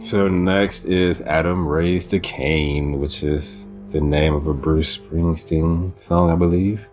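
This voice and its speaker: Really deep guy hosting, unscripted casual recap, faint music behind him. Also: fairly even intonation, slow pace, a little mellow. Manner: natural, unscripted talk with asides. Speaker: podcast host. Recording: dull lo-fi sound, music behind.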